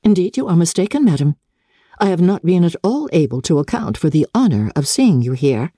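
A reader voicing a quick-witted, composed young woman who answers briskly and guardedly in an audiobook. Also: mid-range voice, sing-song, mellow, husky, no room sound, studio quality, pitched above the performer's own voice. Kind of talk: audiobook character reading.

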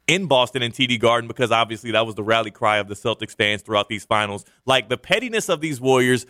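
A man's voice: mid-range voice, expressive, quick pace, sharp tone, no echo, clean studio sound. Emphatic man co-hosting sports talk radio. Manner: emphatic, playful trash talk.

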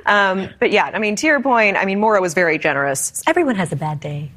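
Woman, talk show host, animated, casual news chat, varied melody. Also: medium pitch, fast talker. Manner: animated, chatty storytelling.

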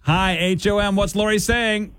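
A man's voice: high voice, steady tone, normal speed, a bit bright, a little hiss or hum. A man co-hosting a morning radio show, dry and teasing in casual banter.

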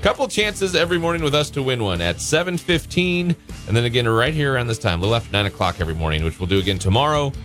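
A man's voice: mid-range voice, very animated, racing, a bit bright, faint music behind. An American man, a morning radio host, doing a contest promo in a casual, bantering, conversational way.

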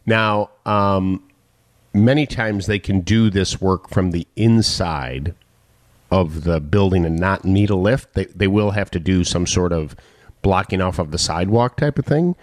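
A middle-aged man hosting a home-improvement call-in radio show, talking in a relaxed, folksy way. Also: sits low, unhurried, no room sound. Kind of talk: casual call-in radio talk.

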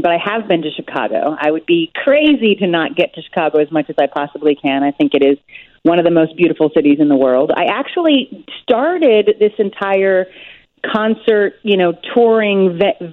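A woman guest performer chatting in an interview over the phone, enthusiastic and friendly, laughing easily. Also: on the low side. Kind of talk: casual interview chat. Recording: tinny phone line.

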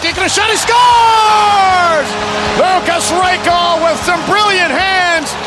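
Male hockey announcer. Rapid play-by-play, very high voice, big shouted drawn-out calls, over loud music. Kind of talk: live sports commentary. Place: sports broadcast booth at an arena.

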